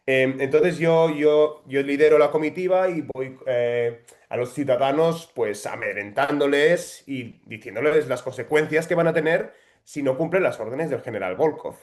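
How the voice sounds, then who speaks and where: A man's voice: medium pitch, moderate pace, few pauses. A man, an actor telling stories in a casual interview, with lots of hesitations. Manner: chatty storyteller, frequent hesitations. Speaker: actor guest.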